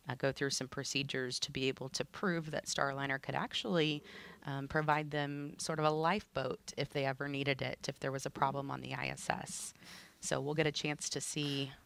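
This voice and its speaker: Female broadcast commentator, conversational explainer, plain-spoken, with a creaky edge. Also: very deep voice, fairly bright tone.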